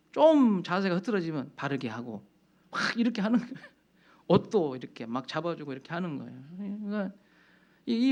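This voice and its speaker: A fairly high-voiced male pastor tells a story from the pulpit in a chatty, conversational way, often breaking in with short affirming interjections. The recording sounds dull and lo-fi. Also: darkish tone. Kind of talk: sermon storytelling.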